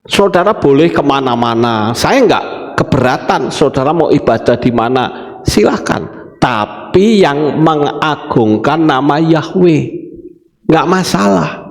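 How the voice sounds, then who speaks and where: A man's voice: on the high side, expressive, measured pace. A man preaching a sermon as pastor, addressing the congregation directly. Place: church hall. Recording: echoey church hall with long reverb.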